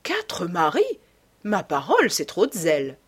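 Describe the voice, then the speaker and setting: A woman's voice: lowish voice, wildly swooping pitch, unhurried, husky, full character voice. A woman voicing an elderly aristocratic hostess who is gossipy and teasing, reading an audiobook with exclamatory emphasis.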